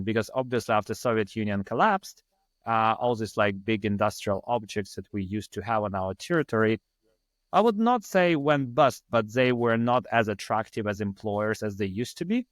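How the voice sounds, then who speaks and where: A Ukrainian man in his thirties with a Ukrainian accent speaks in a lowish voice with no echo. He's a startup founder appearing as a podcast guest, telling his story casually in an interview, rambling and poking fun at himself.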